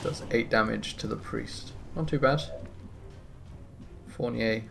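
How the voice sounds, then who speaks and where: A man giving relaxed, wry commentary on his gameplay, sounding a bit tired. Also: mid-range voice, slow, vocal fry. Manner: relaxed, wry, thinking aloud. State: tired, yawning. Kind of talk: casual let's-play commentary. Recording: music playing behind.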